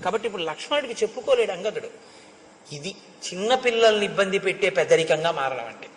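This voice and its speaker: A man's voice: high voice, lively intonation, fast, slight background noise. A man giving a devotional storytelling discourse, retelling scenes expressively and chanting Sanskrit verses before explaining them. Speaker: religious discourse speaker. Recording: echoey hall with long reverb.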